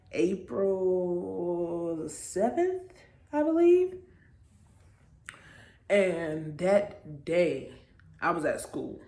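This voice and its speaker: A young woman in her twenties telling a personal story to camera in a casual, conversational way, checking in with viewers with little asides. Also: fairly low pitch. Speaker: vlogger. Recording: roomy echo.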